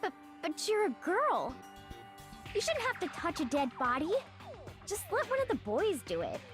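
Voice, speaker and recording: A woman playing a sweet, anxious, energetic teenage girl in an anime game, earnest and flustered. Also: very high-pitched, moderate pace, faint music behind, full character voice. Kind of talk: dubbed anime game acting.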